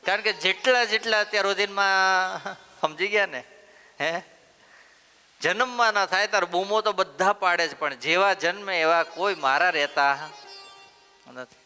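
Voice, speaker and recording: A man with a Gujarati accent tells a devotional story to his audience in a temple hall. His voice sits a little high and rings very bright. He keeps throwing questions at his listeners and answering them, over a long reverb and faint instrumental music. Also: unhurried, long pauses, smooth. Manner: asks the audience questions and answers them himself, playful teaching tone. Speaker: preacher telling a religious story.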